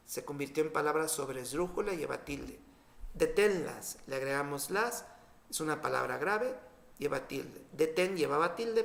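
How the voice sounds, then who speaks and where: A man with a Mexican Spanish accent, explaining spelling rules in a clear, deliberate scripted lesson. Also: a little high, fairly bright tone, reverberant. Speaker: spelling teacher.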